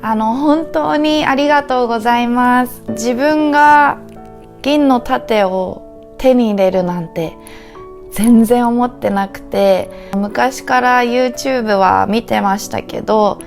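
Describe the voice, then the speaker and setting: High, cute anime-like woman with a Japanese accent. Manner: earnest, grateful. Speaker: Japanese teacher and video creator. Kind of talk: heartfelt talk to camera.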